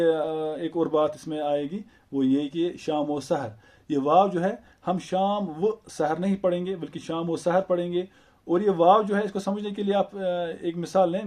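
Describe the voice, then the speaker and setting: Man, somewhat high voice, grammar lesson, patient explaining, rhetorical questions. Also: warm tone. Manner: explains slowly with repeated examples and rhetorical questions. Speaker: Urdu teacher.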